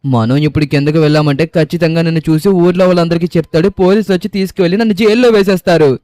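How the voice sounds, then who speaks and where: Fast-talking man narrating a game story. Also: fairly high pitch, dry recording. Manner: lively, talks fast to the viewers and the characters. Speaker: host and narrator. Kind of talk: gameplay story voice-over.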